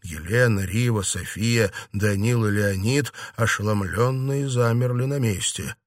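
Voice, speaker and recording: This audiobook narrator, a man with a fairly low pitch, delivers scripted narration evenly and at a measured pace, like a storyteller. The recording is dry and has clean studio sound.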